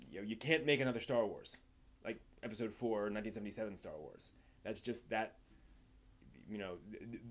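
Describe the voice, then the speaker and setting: A man with a fairly low voice hosts a relaxed live stream commenting on current news. His delivery is rambling and halting, full of restarted sentences and emphasized points that trail off.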